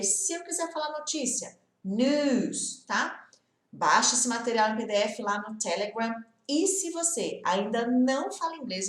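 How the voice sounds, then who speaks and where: A woman's voice: on the high side, roomy sound. A woman with a Brazilian Portuguese accent giving a casual online English lesson, chatty and encouraging, often checking in with her students. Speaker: English teacher.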